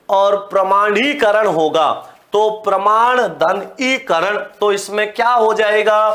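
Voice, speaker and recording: Guy teaching grammar real slow, kinda high voice, keeps asking then answering his own q's. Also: a bit bright. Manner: explains slowly, repeats key words, asks and answers own questions; directly addresses students as brothers and sisters. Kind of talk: Hindi grammar lesson.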